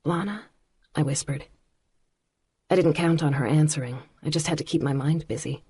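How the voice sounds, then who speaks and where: A woman narrating an audiobook in the first person with a measured, quietly intimate reading. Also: sits low, slightly rough.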